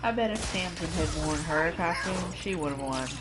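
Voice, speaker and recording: A woman's voice: on the low side, animated, normal speed, loud music behind the voice. A young woman chatting casually and teasing her partner as he plays a game. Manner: teasing, playful. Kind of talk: casual chat while watching a game.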